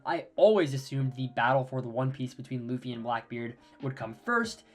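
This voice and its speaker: Sick man with a raspy voice. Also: mid-range voice, darkish tone. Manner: enthusiastic speculative analysis. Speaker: anime analysis youtuber. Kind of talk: casual commentary video.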